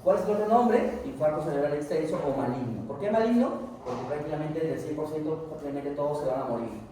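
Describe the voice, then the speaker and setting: A man giving a recorded medical lecture, asking and answering his own questions in an animated way. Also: on the high side, a little fast. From Peru. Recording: echoey room, distant mic, faint noise.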